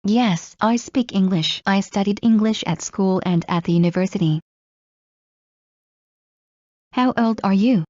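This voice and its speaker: Woman reading slow English drills. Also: mid-range voice, darkish tone, dry recording. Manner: slow, clear drill delivery. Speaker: English practice reader. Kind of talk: scripted dialogue reading. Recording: muffled lo-fi recording.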